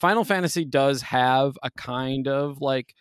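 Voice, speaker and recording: A man co-hosting a podcast in casual chat, animated and often laughing. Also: medium pitch, a little slow, clean tone, dry recording, clean studio sound. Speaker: podcast co-host.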